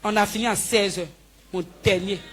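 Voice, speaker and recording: A woman giving a spoken healing testimony in church, telling her story with lively, acted-out dialogue. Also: medium pitch, moderate pace. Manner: animated storytelling, acting out dialogue with the pastor. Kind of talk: spoken testimony before a congregation.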